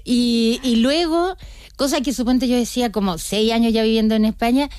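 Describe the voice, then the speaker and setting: A woman in her sixties tells her stories as a radio guest, chatty and looping back with restarts. Her voice is clear and smooth and sits a little high. The studio sound is dry and close. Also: normal speed, darkish tone, no room sound. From Chile. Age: older. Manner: chatty, storytelling with many restarts. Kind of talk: radio interview.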